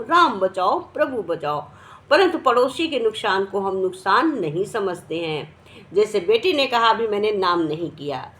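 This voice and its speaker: A woman's voice: mid-range voice, a bit bright. A woman giving a devotional sermon in Hindi, teaching through a parable whose characters she voices in turn. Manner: retells a parable, voicing each character. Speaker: devotional speaker.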